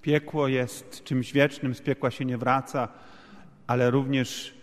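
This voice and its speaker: A man's voice: medium pitch, level tone, measured pace. A man interpreting a sermon in a church, restating each point at length with fillers. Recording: long hall reverb.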